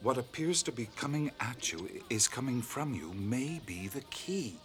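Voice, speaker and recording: A man's voice: mid-range voice, expressive, moderate pace, soft background music, natural voice. An actor playing an earnest, baffled, good-natured man in an audio drama, speaking casually and a little hesitantly. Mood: gentle, thoughtful.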